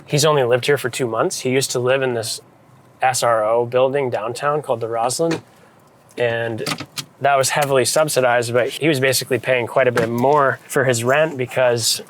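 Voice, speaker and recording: An interviewed photographer and director, an American man from New England, chats casually and reflectively in an informal way. His voice is medium-pitched and steady at a normal speed, with slight background noise.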